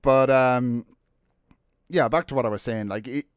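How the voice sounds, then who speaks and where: A man's voice: mid-range voice, measured pace, clear, resonant tone, dry recording, studio quality. A man chatting casually on his live stream, rambling, swearing freely and greeting viewers by name, a bit out of breath.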